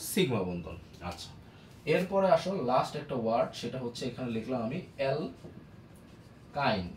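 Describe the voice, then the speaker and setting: A man teaching a chemistry lesson, asking questions and answering them himself, repeating key words. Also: fairly high pitch. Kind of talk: classroom lesson, call-and-response. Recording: echoey room with faint background noise.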